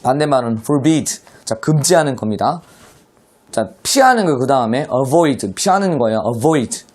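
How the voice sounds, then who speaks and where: A man's voice: medium pitch, lively intonation, measured pace, a little mellow. A man teaching English vocabulary to middle school students in an online class, speaking with a Korean accent and often addressing his students directly.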